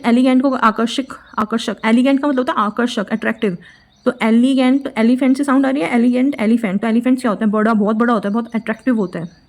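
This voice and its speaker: Brief: Indian woman vocabulary teacher, fairly high voice, playful and chatty, tells memory tricks as stories. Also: darkish tone. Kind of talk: casual explaining lesson.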